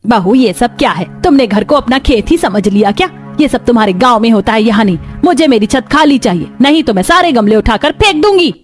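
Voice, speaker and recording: A woman's voice: medium pitch, normal speed, hardly any pauses, darkish tone, faint music behind, lightly acted. A woman voicing a stern middle-aged mother-in-law who scolds her daughter-in-law in a cartoon. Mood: scolding. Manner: scolding, commanding. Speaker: voice actor. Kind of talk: cartoon voice acting.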